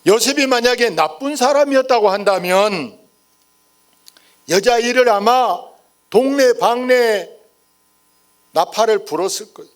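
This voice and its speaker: A male pastor delivers a storytelling sermon in a notably high voice. He speaks slowly and turns often to address the congregation directly. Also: animated.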